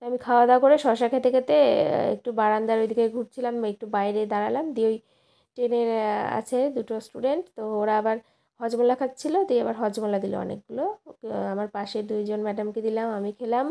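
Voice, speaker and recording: A woman's voice: a little high, steady tone, fast talker, gravelly, mellow. A young woman narrating her daily vlog in a chatty, rambling way, often correcting herself mid-sentence. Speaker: vlogger and schoolteacher.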